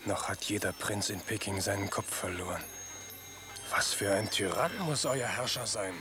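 A man's voice: fairly low pitch, moderate pace, close to an everyday voice. A young man playing a curious foreign traveler asking probing questions. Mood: inquisitive. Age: young adult. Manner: inquisitive, probing. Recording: music underneath.

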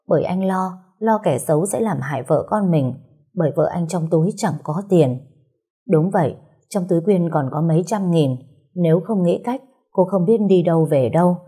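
A woman reading a story aloud in a calm, steady, gently sad way. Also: on the low side, slightly rough. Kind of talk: scripted story narration.

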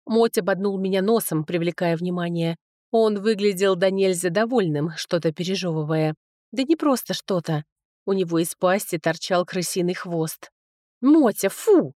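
A woman narrating an audiobook in the first person, with lively, expressive storytelling. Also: fairly low pitch, normal speed, no echo, clean studio sound.

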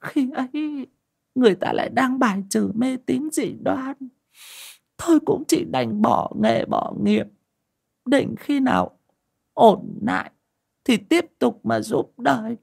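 A woman's voice: high-pitched, sing-song, takes it slowly, vocal fry, pauses often, a little mellow, breathy edge, pitched above the performer's own voice, heavily acted. A man voicing an older village wife who was once a shaman, crying and pleading in a choked voice. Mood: sorrowful recollection.

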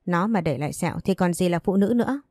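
A woman narrator putting on a domineering older man, brisk and curt, his orders coming fast. The voice stays mellow and low in tone, close and dry. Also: animated, dry recording. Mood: commanding. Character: stern older man, domineering father figure.

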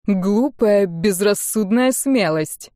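A woman voicing a cruel, mocking adult male duke who talks slowly with contempt. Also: mid-range voice, darkish tone, dry recording, studio quality, close to an everyday voice. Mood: sneering. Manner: slow, sneering and contemptuous.

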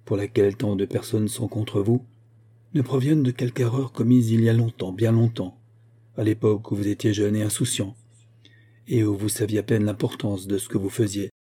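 A male audiobook reader voicing a devoted young woman who speaks gently and pleads with her father. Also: fairly low pitch, steady tone, moderate pace, husky. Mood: hesitant.

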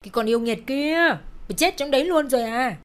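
A woman voicing a cruel, shrill middle-aged mother who screams insults in a storybook reading. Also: animated, fast, natural voice. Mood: screaming. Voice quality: shrill, sharp-tongued.

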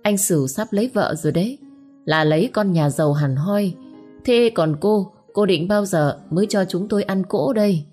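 A woman voicing a nosy village gossip who talks loudly on purpose, in a storybook reading. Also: medium pitch, moderate pace, soft background music, natural voice. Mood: mocking gossip.

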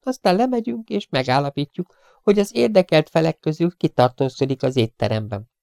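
A man voicing a calm, clever male detective in an audiobook who lays out a plan step by step. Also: a little high, creaky, no room sound, clean studio sound, voice pushed up. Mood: explaining. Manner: methodical, reasoning aloud.

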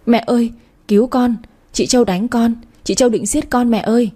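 A woman's voice: medium pitch, moderate pace, mellow, breathy edge, close to an everyday voice. A woman voicing a scheming young woman who plays a sweet, frightened younger sister, whining and pleading. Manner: whiny, pleading, syrupy.

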